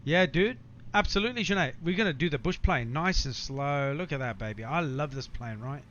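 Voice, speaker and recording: The flight-sim streamer sounds medium-pitched, a bit bright and moderately paced while chatting matily with his audience about the gameplay. There's faint background noise, and the sound is slightly dull.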